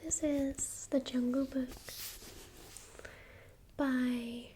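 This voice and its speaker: A helpful female librarian, acted by a woman speaks in ASMR role-play, a gentle and breathy library soft voice. Her delivery is very unhurried and mellow, with faint noise behind it. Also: high voice, flat delivery. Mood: gentle, hushed. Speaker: ASMR performer.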